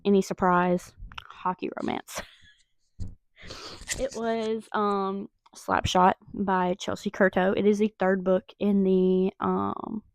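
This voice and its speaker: A young Southern woman talks through her month's reads in a loose, excitable chat. Her voice has a gravelly vocal fry and a close, dry sound with no room echo. She speaks at an average pitch for a woman. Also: slow. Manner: chatty and excitable, with frequent fillers. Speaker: book vlogger. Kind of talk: casual book review chat.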